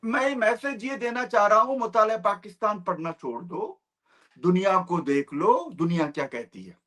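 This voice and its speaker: A man's voice: sits high, animated, moderate pace, a bit bright. A man from Balochistan joining a heated debate by video call, indignant and insistent, dropping English phrases into his speech. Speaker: debate guest. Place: abroad, joining remotely.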